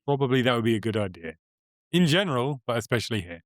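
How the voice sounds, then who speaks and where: A man's voice: mid-range voice, big pitch swings, fast talker, dry recording, clean studio sound. A man hosting a podcast, running through gaming news in a chatty, self-assured way. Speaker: podcast host. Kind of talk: casual chat, news rundown.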